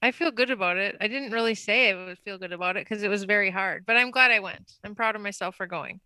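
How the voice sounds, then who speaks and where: A woman co-hosting a podcast in casual, animated chat, laughing often with her co-host. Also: medium pitch, quick pace, clear, resonant tone, no echo. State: just back from a hard workout class.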